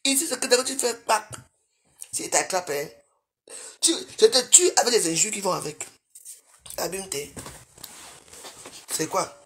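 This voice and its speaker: A woman, livestreaming from her bedroom on a phone and scolding her viewers, swinging between loud outbursts and low mutters. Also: animated, a little slow, long pauses. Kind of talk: live video rant at viewers.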